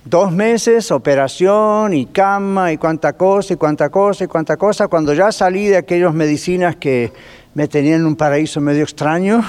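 A man teaching a Bible class as pastor, lively and conversational, putting rhetorical questions to his listeners. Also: high-pitched, moderate pace, smooth. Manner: lively, asks the class rhetorical questions, drops in English phrases. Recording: long reverb of a church hall.

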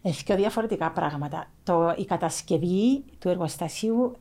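A woman's voice: lowish voice, animated, dark tone. A woman with a Cypriot Greek accent talking casually as an interview guest, emphatic and repeating phrases for stress. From Cyprus. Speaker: interview guest, clothing factory owner.

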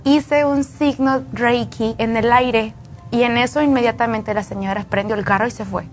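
Woman, animated storyteller on a health radio chat, slightly high voice. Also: normal speed, soft background music.

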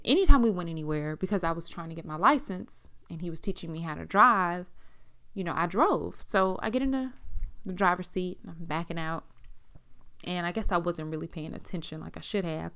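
Speaking a little fast in a lowish, slightly bright voice, a woman recounts something that happened to her. She's blunt and swears a lot, drops in plenty of fillers, and acts out the dialogue loudly.

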